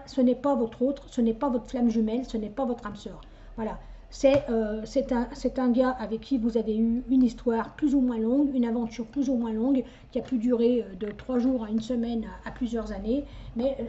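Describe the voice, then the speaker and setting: Middle-aged woman psychic, chatty and insistent, full of stutters and restarts, fairly high and mellow, on a dull lo-fi recording. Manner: rambling, many hesitations and stuttered restarts; talks directly to the listener, chatty and insistent. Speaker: psychic medium. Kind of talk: casual spoken reading to viewers.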